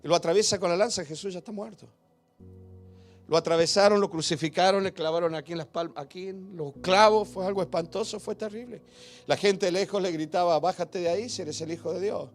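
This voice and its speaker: A man preaching a sermon as pastor, emphatic and questioning, with big swings between loud and hushed. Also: high voice, fairly even intonation, fairly quick, faint music behind.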